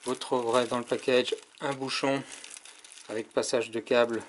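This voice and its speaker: A man's voice: medium pitch, level tone, normal speed, a little hiss or hum. A man giving a casual hands-on product demonstration as a tech reviewer, explaining step by step with frequent hesitations.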